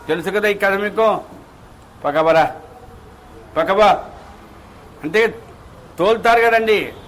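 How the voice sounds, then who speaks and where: A man's voice: high voice, slight background noise, poor audio. A man giving a devotional discourse to a gathering, telling stories with acted-out dialogue and rhetorical questions. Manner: animated storytelling, acting out dialogue with rhetorical questions. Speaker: spiritual speaker. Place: devotional hall.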